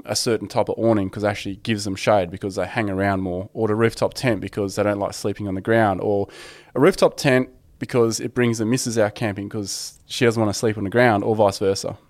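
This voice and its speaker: A man's voice: on the low side, a little mellow, dry recording. An Australian man talking as a podcast guest in an informal, matey, conversational way. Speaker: podcast guest with own four-wheel drive channel. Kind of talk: casual chat.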